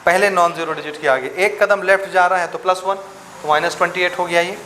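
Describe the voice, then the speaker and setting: A man teaches physics to a class in a slightly high voice, working numbers out aloud and asking students for answers. The room is echoey, with faint noise behind him. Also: steady tone, brisk, pushed and bright. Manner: asks students questions, works sums aloud. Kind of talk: classroom lecture.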